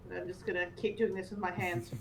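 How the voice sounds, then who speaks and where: A woman co-hosting a casual podcast, enthusiastic and quick to agree. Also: fairly low pitch, flat delivery, gravelly, a little hiss or hum, rough recording. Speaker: podcast co-host. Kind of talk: casual chat.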